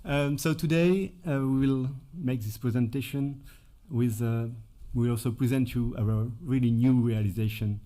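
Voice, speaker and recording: A man presenting at a conference. His voice is mellow and middle-pitched, and his speech is full of fillers and restarts. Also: steady tone, moderate pace, few pauses. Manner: hesitant, many fillers, self-corrections. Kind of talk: conference talk with scripted dialogue. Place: conference room.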